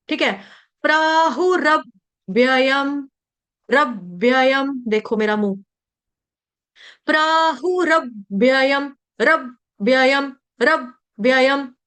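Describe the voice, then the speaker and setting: An Indian woman teaching chant recitation, drilling words slowly and repeating each syllable, then explaining the rules briskly. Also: fairly high pitch. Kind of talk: slow syllable-by-syllable recitation lesson.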